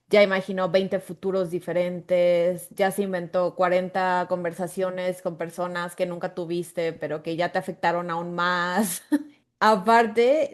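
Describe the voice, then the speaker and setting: A woman with a Mexican accent, co-hosting a podcast in casual chat. She tells stories animatedly and acts out imagined dialogues with her own brain. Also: on the low side. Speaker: podcast co-host.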